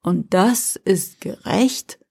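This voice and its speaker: A woman voicing Lucifer, a calm, seductive male fallen angel, speaking slowly and gently in a whispered role-play. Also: creaky, slightly rough, heavily acted. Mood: soft persuasive. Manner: slow, low, gentle, persuasive.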